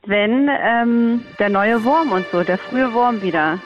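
A woman's voice: fairly high pitch, slow, faint music behind. Woman on a tinny phone line. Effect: heard over a phone line. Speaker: podcast co-host. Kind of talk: casual phone chat.

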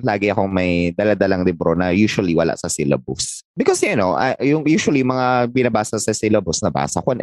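A man in casual chat, speaking in a reflective, measured way and mixing English with Tagalog. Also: lowish voice, a little mellow, no room sound.

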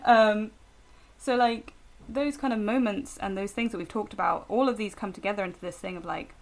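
Woman podcast co-host, gravelly fry, rambling and animated, chatty. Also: mid-range voice, normal speed. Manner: animated and rambling, with laughs and restarts. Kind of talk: casual chat.

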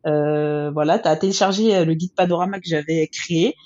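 A woman's voice: deep voice, fairly even intonation, brisk, dark tone, muffled recording. A woman hosting a podcast, who talks in a fluent, upbeat way and asks her guest questions. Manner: fluent and upbeat, with some fillers. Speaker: podcast host. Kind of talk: podcast intro and interview.

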